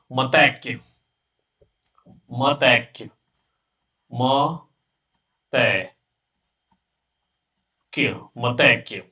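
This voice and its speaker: A male teacher giving an exam-prep grammar lecture, slowly repeating and breaking words into parts. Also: a little high, pushed and bright, recorded from a distance, muffled recording. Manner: slow, repetitive, drills words by sounding them out.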